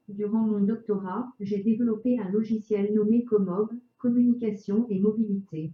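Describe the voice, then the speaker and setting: A chipper text-to-speech woman's voice reading a scripted self-introduction narration with evenly articulated, machine-made delivery. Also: medium pitch. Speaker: video narrator. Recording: roomy echo, dull lo-fi sound.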